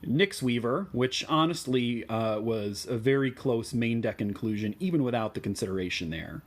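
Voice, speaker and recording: A man with a Midwestern American accent explains card choices for a deck in a relaxed way, with many ums and uhs. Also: mid-range voice, moderate pace. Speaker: deck tech host.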